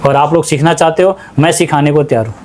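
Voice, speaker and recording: A man's voice: on the high side, fast, darkish tone. A man working as an ayurvedic practitioner, speaking with emphatic, repetitive insistence in a small clinic. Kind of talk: earnest testimonial talk.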